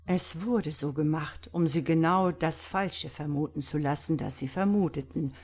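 A woman voicing a calm, thoughtful small old priest who speaks quietly and mildly in a read-aloud story. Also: deep voice, normal speed, slightly rough. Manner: quiet, mild, musing.

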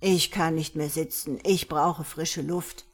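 A woman's voice: low-pitched, fairly even intonation, slow, full character voice. A woman reading an audiobook voices a spry, nervous old lady who meddles in a plot. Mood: scheming. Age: older.

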